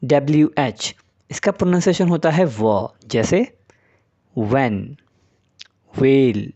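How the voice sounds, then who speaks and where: Slow, patient male English teacher. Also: medium pitch, mellow, muffled recording. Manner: slow, patient, spells out letters and example words. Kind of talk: spoken English lesson in Hindi.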